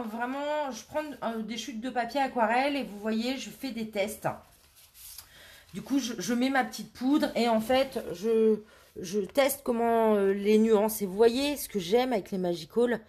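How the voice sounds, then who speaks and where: Chatty woman demonstrating crafts live. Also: fairly high pitch. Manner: chatty, hesitant, many fillers and restarts. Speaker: scrapbooking live host. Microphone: camera on a tripod.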